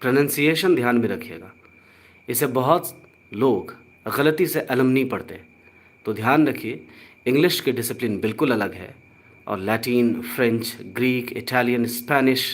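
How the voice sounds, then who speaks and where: A man with an Indian accent teaching a live online pronunciation lesson, spelling out letters and repeating each word with care. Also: medium pitch. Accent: Indian English. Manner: slow, deliberate, spells out letters and repeats words. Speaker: English teacher.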